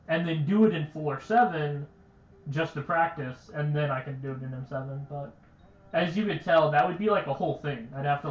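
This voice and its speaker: A man's voice: on the high side, reverberant, highs cut off. A young man chatting casually on a game livestream, rambling and stuttering, with lots of "like" fillers. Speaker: game streamer.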